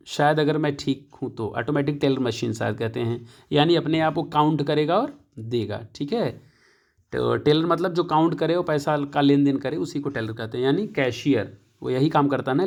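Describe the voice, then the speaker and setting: A man teaching an English lesson, explaining each point again and again, often pausing to check and correcting himself. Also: a little high, creaky, a little mellow. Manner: repetitive, checks with "ठीक है" often; self-correcting, thinking aloud. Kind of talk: classroom-style lesson.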